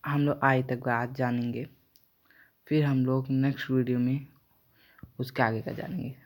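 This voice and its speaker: A man with an Indian accent teaching English pronunciation rules slowly, repeating example words and correcting himself now and then. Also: mid-range voice, level tone. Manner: slow deliberate explaining, repeating example words; frequent self-corrections. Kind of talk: spoken English pronunciation lesson.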